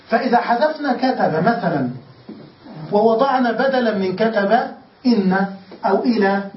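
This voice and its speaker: A man teaching a grammar lesson in a classroom style, asking questions and answering them himself. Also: high voice. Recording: echoey, distant, dull lecture recording with faint hiss.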